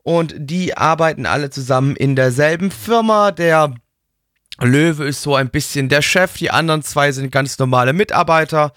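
A man's voice: on the high side, normal speed, fairly bright tone, no echo, clean studio sound. A young man co-hosting a casual anime review, bantering in a crude, mocking, slangy way. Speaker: co-host of an anime review talk.

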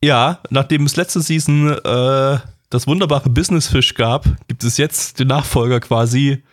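Young man, average pitch, casual review chat, co-host, rambling, searching for words. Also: steady tone, unhurried. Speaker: co-host of an anime review talk.

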